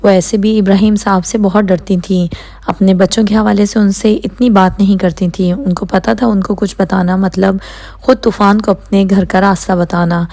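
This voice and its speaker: A woman's voice: medium pitch, fairly even intonation, a little mellow. A woman narrating a novel as an audiobook, reading every character's lines herself and changing her tone for the dialogue.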